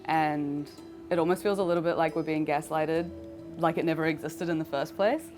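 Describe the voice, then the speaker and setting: A woman speaking thoughtfully and in measured terms in an interview. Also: low voice, fairly even intonation. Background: music.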